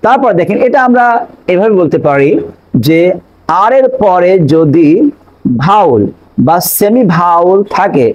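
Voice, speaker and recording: A man teaching English pronunciation in an online lesson, explaining step by step and repeating examples slowly. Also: high voice, expressive, highs cut off.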